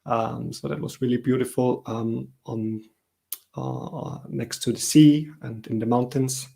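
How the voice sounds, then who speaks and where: A man's voice: mid-range voice, a little slow, creaky. Austrian guy presenting online, lots of ums, video call mic. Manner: relaxed, frequent ums and uhs. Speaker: conference speaker. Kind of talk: online meetup talk.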